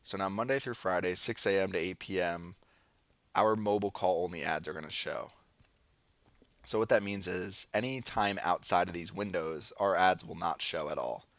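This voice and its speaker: This American man has a low, slightly bright voice and talks at a normal speed with no room sound. He presents an online marketing tutorial by screen share, casually and partly off the cuff, thinking aloud through each demonstrated step.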